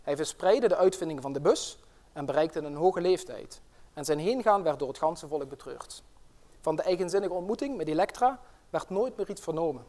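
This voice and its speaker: A man's voice: a little high, expressive, moderate pace, warm tone. A middle-aged man, a professor and family doctor, giving an inaugural lecture, friendly, with frequent fillers, and reading a fairy tale aloud. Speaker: professor and general practitioner.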